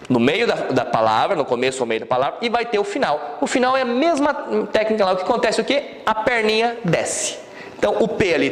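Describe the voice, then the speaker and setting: A Brazilian man teaches the Hebrew alphabet in a high, animated voice that swoops up and down. He is patient and repetitive and keeps checking that the learner follows. The recording sits in a roomy, echoey space with a long reverb tail. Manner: patient, repetitive, checks in often with tag questions. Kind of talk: online language lesson.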